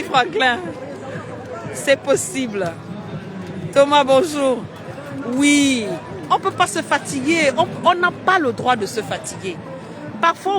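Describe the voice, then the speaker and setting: A man, live-streaming from a busy city square and greeting viewers by name in a chatty, teasing way. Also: extremely high pitch. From Cameroon. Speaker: livestream host. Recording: street crowd and music behind.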